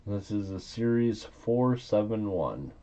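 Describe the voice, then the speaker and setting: Slow, low-toned male auctioneer. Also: expressive, warm tone, lo-fi sound. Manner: playful, repeats bids and calls. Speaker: auctioneer and live stream host. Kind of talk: casual auctioneer patter on a live auction.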